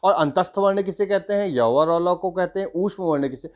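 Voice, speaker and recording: Slightly high-voiced male grammar teacher. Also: normal speed. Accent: Uttarakhand Hindi. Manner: explains step by step, drawing out sounds and chanting examples. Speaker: school teacher. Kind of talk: grammar lesson for school students.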